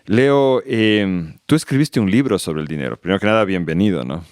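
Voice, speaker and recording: Podcast host, man, deep and smooth voice, unhurried and measured. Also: lively intonation, a little mellow. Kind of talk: podcast interview and announcements.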